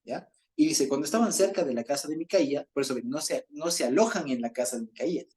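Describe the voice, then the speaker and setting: Mellow-voiced man teaching Bible study. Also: on the high side, expressive, quick pace. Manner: keeps checking in with the group, reads passages aloud; chuckles while explaining.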